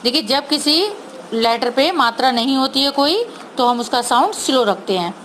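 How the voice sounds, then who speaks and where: A woman teacher giving an online Hindi lesson to young children, sounding out words slowly and patiently, mixing English words into her Hindi. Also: high voice, expressive, a bit bright, slight background noise, poor audio. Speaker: primary school teacher.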